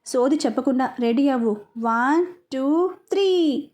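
A woman plays a carefree young man of twenty in a spoken story, teasing and eager. The voice is high and mellow. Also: expressive, slow pace. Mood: playful.

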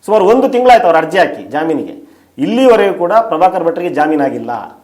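A man's voice: a little high, very animated, brisk, a little mellow. A man, a journalist and writer, answering interview questions in detail, emphatic and full of rhetorical questions. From India.

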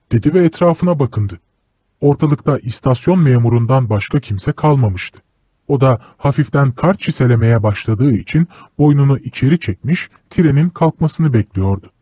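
A man narrating a literary audiobook in a steady, measured storytelling voice. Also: mid-range voice, slightly rough, no room sound. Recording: dull lo-fi recording.

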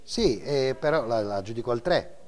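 A man's voice: mid-range voice, lively intonation, moderate pace. A middle-aged man working as an auctioneer, calling lots and bids in clipped, repeated numbers. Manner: clipped, repetitive calling of numbers and bid increments. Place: auction house room, indoors, at a wooden rostrum. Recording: echoey hall, long reverb.

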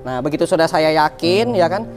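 A young man telling his life story as an interview guest, animated and acting out quoted speech with big jumps in pitch. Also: fairly quick, music in the background. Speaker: guest, founder of a free restaurant.

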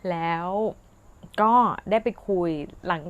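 A woman's voice: slow pace, dull audio. Brief: woman host, casual rambling storyteller, chatty and polite. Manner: chatty, rambling, polite particles, laughs often. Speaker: livestream host.

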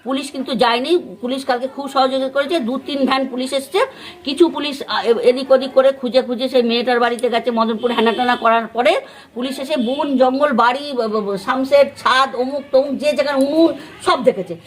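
A woman's voice: sits high, fairly even intonation, a little fast. A woman from West Bengal with a West Bengali accent, a neighbour giving a rambling eyewitness account to a news crew, full of fillers and acted-out quotes. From West Bengal, India. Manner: rambling retelling with many fillers and restarts; acts out others' words in quoted speech. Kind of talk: on-the-spot news interview.

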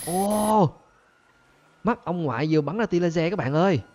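A man hosting a gaming channel, giving excited gameplay commentary and talking straight to his viewers. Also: high voice, normal speed, a little hiss or hum. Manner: animated, keeps addressing viewers as "các bạn ơi".

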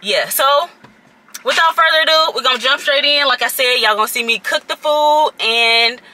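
A woman's voice: high voice, normal speed, sharp tone. A young woman chatting casually to her viewers while cooking in a home kitchen, calling them y'all again and again. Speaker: vlogger.

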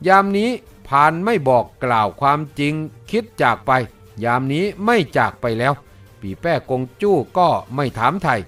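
A man narrating a Chinese martial-arts novel in a steady storytelling manner. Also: a little high, moderate pace, faint music behind. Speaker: audiobook narrator.

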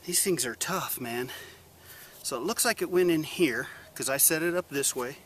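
A man in his forties talks to the camera in an easygoing, plain-spoken vlog style, his voice sitting a little high for a man. The camera mic is close, with a faint wash of background noise behind him. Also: moderate pace, fairly bright tone. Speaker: channel host. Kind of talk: casual vlog. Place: outdoors in a yard, later an indoor workshop.

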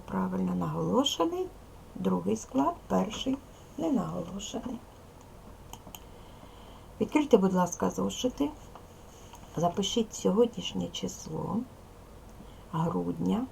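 Slow, gravelly woman teaching children. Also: medium pitch, lively intonation, darkish tone, a little hiss or hum, poor audio. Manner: slow, careful, addressing children directly. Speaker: primary school teacher. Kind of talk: recorded online lesson for young children.

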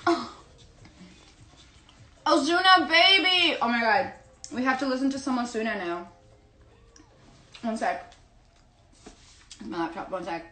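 A woman's voice: on the high side, measured pace, long pauses, echoey room. A young woman from South America whose first language is Spanish, chatting casually on a livestream while she eats. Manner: chatty, giggly, talks while eating. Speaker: Instagram live host. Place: home room with pet dog. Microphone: phone or laptop livestream.

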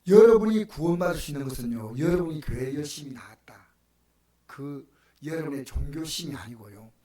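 An older man with a Gyeongsang Korean accent preaching a sermon as pastor, swinging from loud exclamations to hushed whispers. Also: on the high side, animated, moderate pace, roomy sound. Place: church sanctuary.

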